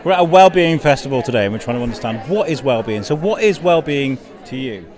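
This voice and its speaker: A man hosts a casual podcast interview at a busy wellbeing festival, rambling and appreciative, with crowd chatter and outdoor-like hubbub around him. His medium-pitched voice is a little mellow, lively in intonation and fast.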